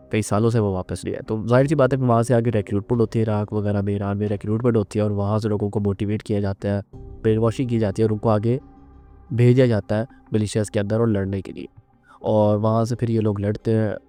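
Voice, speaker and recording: A man giving unscripted, earnest analytical commentary on current events, pausing and restarting as he thinks. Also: fairly low pitch, warm tone. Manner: earnest, measured, with frequent restarts and fillers.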